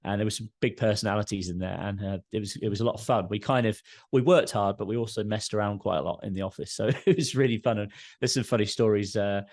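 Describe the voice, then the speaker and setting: A man's voice: fairly low pitch, steady tone, fast talker, a little mellow, dry recording, clean studio sound. A man in his thirties with a southern English Home Counties accent, chatting informally and discursively as an interview guest. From Surrey, southern England. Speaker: podcast guest, tech and audio entrepreneur. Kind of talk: casual interview chat.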